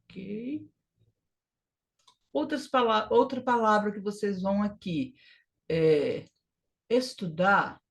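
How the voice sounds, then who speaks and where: A woman's voice: mid-range voice, takes it slowly, long pauses. A woman with a Brazilian Portuguese accent teaching an English lesson, repeating words and modeling example phrases for her students to drill. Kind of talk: classroom lesson on grammar and pronunciation.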